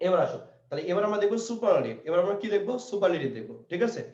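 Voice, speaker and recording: A man's voice: sits high, sing-song, very fast, darkish tone. A man teaching an English grammar lesson, repeating points and asking and answering his own questions. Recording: echoey, distant, dull lo-fi room sound.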